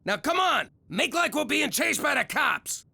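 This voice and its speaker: An actor playing a brash, loud mobster father in a cartoon, with a gravelly voice. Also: sits high, sing-song, moderate pace, dry recording, heavily acted. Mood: pushy. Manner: brash, shouting, streetwise. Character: loud blustering mobster dad, middle-aged man.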